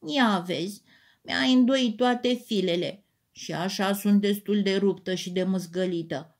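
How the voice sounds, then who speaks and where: A woman's voice: medium pitch, a little mellow, natural voice. A woman voicing a worn, half-asleep storybook that scolds and complains. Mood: plaintive. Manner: plaintive, scolding.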